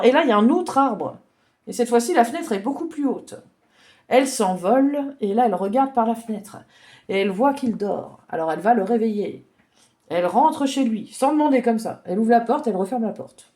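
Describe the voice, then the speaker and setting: A woman's voice: fairly high pitch, animated, normal speed. Chatty woman teaching kids to draw. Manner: gentle, chatty, thinking aloud. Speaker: drawing teacher for children. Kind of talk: live drawing lesson with storytelling.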